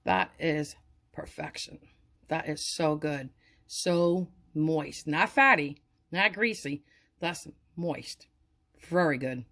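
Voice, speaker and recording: A woman's voice: mid-range voice, a bit bright. A woman hosting a casual home cooking video, talking enthusiastically to her viewers and repeating words of praise as she explains each step.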